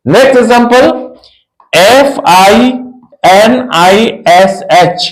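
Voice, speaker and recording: A man's voice: high-pitched, roomy sound, rough recording. A man teaching an English pronunciation lesson, spelling out letters one by one and repeating each word several times so learners can copy it. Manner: slow, spells out letters and repeats words for drilling.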